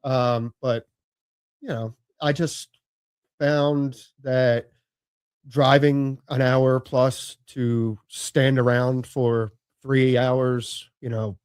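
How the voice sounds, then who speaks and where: A man's voice: medium pitch, little pitch movement, very slow, darkish tone, clear, resonant tone, no room sound. A man in his late thirties talking casually as a podcast guest, rambling with lots of "you know" and "like" and casual swearing. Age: late 30s. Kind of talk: casual conversation.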